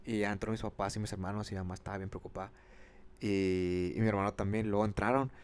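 Fast-talking young man from Monterrey. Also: lowish voice, slight background noise. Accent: northern Mexican, Monterrey. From Mexico. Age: 20s. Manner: slangy, rambling, animated retelling. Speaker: podcast host. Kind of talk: casual storytelling chat.

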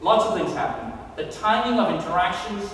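A man delivers a technical keynote in a large hall, his fairly high voice carrying with heavy, lingering reverb. He speaks in a measured way, often filling pauses with "uh" as he thinks. The sound is picked up from a distance, with a faint room hum underneath. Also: fairly bright tone. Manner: measured, many "uh" fillers while thinking. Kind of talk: conference keynote lecture. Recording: echoey hall recorded from far off.

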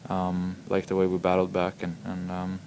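A young man answers postgame questions at a press table in a very low, gravelly voice. He hesitates constantly, filling gaps with ums and doubled words, and his delivery stays flat, with little rise or fall. A faint hiss sits under the table mics. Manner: halting, many ums and repeated words. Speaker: hockey player. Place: press room in front of a logo backdrop. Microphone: table microphones in front of him.

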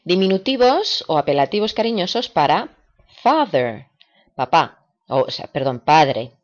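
Woman, low voice, patient language teacher, slow repetitions, dull lo-fi sound. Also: big pitch swings. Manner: patient, repeats words slowly for imitation. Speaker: English teacher for parents. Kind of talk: video lesson, explaining and drilling words. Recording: dull lo-fi recording.

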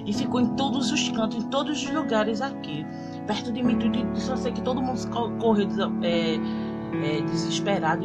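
A Brazilian woman recording on her phone, emotionally recounting a dream in rambling casual speech full of fillers. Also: mid-range voice. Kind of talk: casual spoken testimony. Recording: loud guitar music behind the voice.

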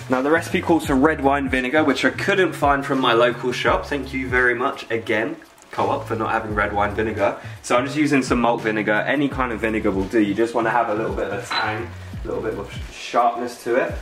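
Cooking at home, a British cooking video host in his twenties runs an informal, upbeat tutorial. He talks fast in a medium, steady, somewhat bright voice, with faint music playing behind.

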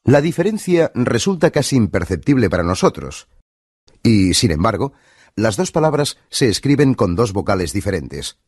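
Course narrator, man, Spain Spanish accent, measured teaching read, slightly husky, close and dry. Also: lowish voice, sing-song, a little mellow, no room sound. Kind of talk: scripted instructional narration.

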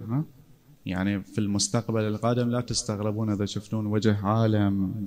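A man lectures in a relaxed classroom way. His voice sits a little low. He talks conversationally and keeps checking that his listeners are following.

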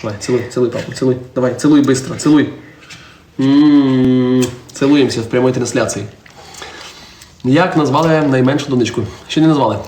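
A man's voice: medium pitch, fairly quick, darkish tone. A man in his twenties, a priest chatting on a live stream in a church, answering viewer comments and teasing his little daughter. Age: 20s. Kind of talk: casual live-stream chat. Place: church interior. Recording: roomy echo, faint background noise.

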